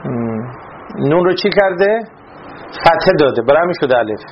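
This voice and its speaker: High-voiced man lecturing on grammar. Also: lively intonation. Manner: explains step by step, often checking students understand. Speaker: teacher of Arabic grammar. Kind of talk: classroom lecture. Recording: dull lo-fi recording with faint noise.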